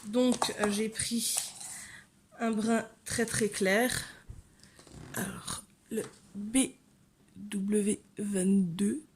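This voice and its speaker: A woman's voice: mid-range voice, little pitch movement, extremely slow, long pauses, noisy background. A woman chatting casually as she colors, filling her talk with hesitations and asides. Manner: chatty, many fillers, talks to her cats. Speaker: coloring channel host. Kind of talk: casual coloring tutorial chat. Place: home room with window.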